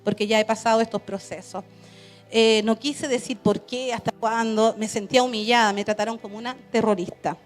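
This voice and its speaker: Woman, missionary testimony, fairly high voice, lively storytelling, soft music behind. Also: brisk. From Chile. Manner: animated storytelling with laughter and acted quotes. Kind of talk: testimony in a church service.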